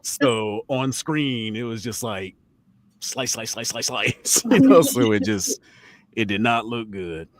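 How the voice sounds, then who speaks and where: A man's voice: medium pitch, animated, takes it slowly, no echo. A man in his forties hosting a podcast, chatting casually and joking, swearing loosely as he reads viewer comments. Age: 40s. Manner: friendly banter with co-host and chat. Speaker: podcast host.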